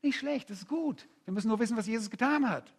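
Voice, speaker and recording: A man preaching a conference sermon, animated and direct, firing rhetorical questions at the crowd and acting out quoted voices. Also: very high voice, quick pace, husky.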